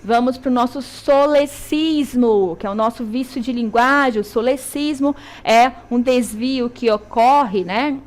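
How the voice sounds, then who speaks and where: A woman with a Brazilian Portuguese accent teaching a televised school lesson, checking in with her students often and slowly stressing syllables. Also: fairly high pitch. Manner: didactic, checks in with "tá?" and "certo?".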